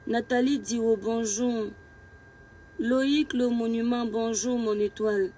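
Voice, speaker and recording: A woman hosting a casual live stream, warmly greeting viewers one by one and urging them to share. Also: on the high side, steady tone, slow pace, slight background noise. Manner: greets viewers by name, affectionate.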